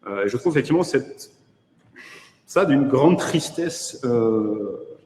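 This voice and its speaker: A man's voice: mid-range voice, lively intonation, slow, dark tone. A man with a French accent giving a conference keynote online, hesitant with many fillers and wry asides. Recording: echoey room with long reverb.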